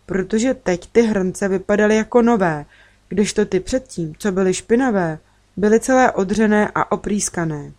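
A woman narrating a first-person children's story in a steady, measured way. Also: mid-range voice.

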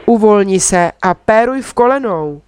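A woman's voice: medium pitch, animated, darkish tone, clean tone, dry recording, studio quality, lightly acted. A woman reading a schoolboy who acts as a strict, impatient ski teacher to a younger girl. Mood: coaxing. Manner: bossy, impatient.

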